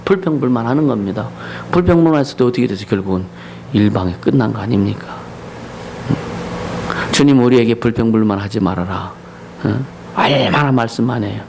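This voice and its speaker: A male pastor preaching a Sunday sermon, often asking the congregation questions and rising to loud declamation on scripture and slogans. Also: medium pitch, a little fast, vocal fry, noisy background. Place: church sanctuary.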